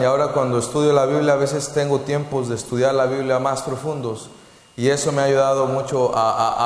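A man giving a church talk, teaching the Hebrew alphabet in an informal way, often restarting his sentences and leading the group in repeating letters. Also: medium pitch. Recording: echoey hall with long reverb.

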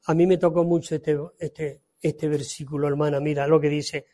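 Fervent high-voiced preacher man. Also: level tone, normal speed. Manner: fervent, swings from loud emphasis to soft pleading. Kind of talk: sermon with Bible reading.

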